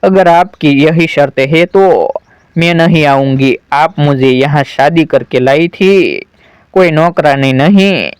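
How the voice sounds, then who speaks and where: A man's voice: on the high side, slow pace, clean tone, no echo, clean studio sound. A man reading a hurt, firm young bride. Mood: pleading. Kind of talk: storybook narration.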